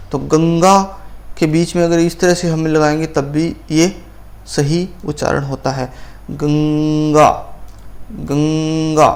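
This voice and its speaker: A man's voice: fairly high pitch, darkish tone. A man teaching pronunciation in a patient lesson, drawing out sounds and repeating them for practice.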